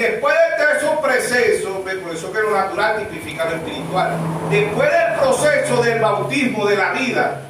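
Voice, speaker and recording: A man preaching a sermon as pastor, animated and full of rhetorical questions. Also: high-pitched, noisy background. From Venezuela. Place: church sanctuary. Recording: echoey church room, mic far off.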